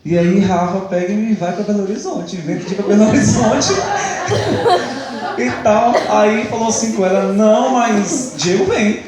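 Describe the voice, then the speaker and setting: A man's voice: high-pitched, moderate pace, a loud crowd. A young man with a Brazilian accent giving a testimony in a church service, telling his story in a chatty way and acting out the dialogue. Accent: Brazilian Portuguese. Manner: chatty storytelling, acts out the dialogue, laughs often. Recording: echoey church hall.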